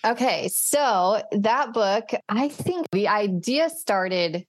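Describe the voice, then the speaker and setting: A woman in her thirties, a children's book author, talking as a guest in relaxed, easy interview chat. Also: mid-range voice, slow pace, no echo.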